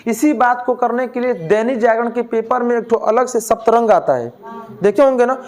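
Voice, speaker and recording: A man teaches a class for a teaching exam. He keeps asking the room questions and answering them himself. He cracks jokes along the way. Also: extremely high pitch. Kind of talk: classroom lecture.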